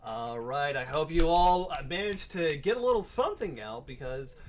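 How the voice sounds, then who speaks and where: A man runs an improv game show with an animated, slightly high voice. He explains the rules quickly, filling gaps with little fillers. Faint noise sits under the recording.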